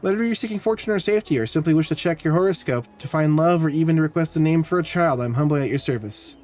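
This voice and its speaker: A man reading the lines of a male fortune-telling shopkeeper with a smooth sales pitch, in a plain voice. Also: quick pace, a little mellow, natural voice. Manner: read aloud in a plain voice.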